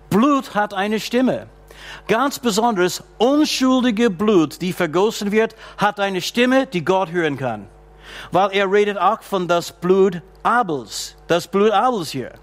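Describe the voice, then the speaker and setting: A man preaching a sermon as pastor at a church service. He preaches slowly and deliberately, repeats his key phrases and calls out hallelujah and amen. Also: high-pitched. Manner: slow, deliberate preaching with drawn-out lines.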